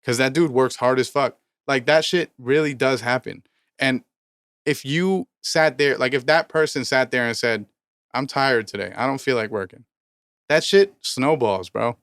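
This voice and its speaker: In casual podcast talk, a rapper of thirty who co-hosts the show swears heavily and hammers home motivational points in a preachy way. His voice is mid-range, steady and smooth with resonance, moving at a moderate pace on a close mic with no echo.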